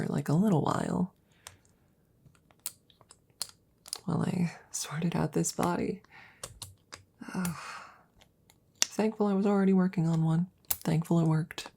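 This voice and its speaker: Relief and anxiety mix in this low-pitched performance of a devoted, jittery scientist. The woman rambles haltingly into a nearby mic, her breathy, soft voice frequently fading into whispers, as part of an intimate ASMR roleplay.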